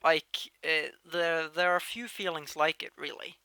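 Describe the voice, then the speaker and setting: A man's voice: fairly high pitch, unhurried, smooth, dry recording. A young man from Norway in his late teens, casually answering viewer questions as a channel host, with frequent restarts and bursts of emphasis. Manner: chatty, restarts phrases, lively shifts in loudness. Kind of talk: casual Q&A monologue.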